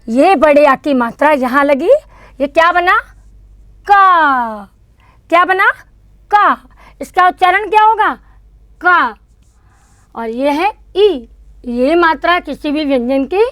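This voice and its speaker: A woman's voice: high-pitched, no room sound, clean studio sound. A woman teaching kindergarten children in an online lesson, patiently repeating each sound for them to say back. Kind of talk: online lesson teaching Hindi vowel signs.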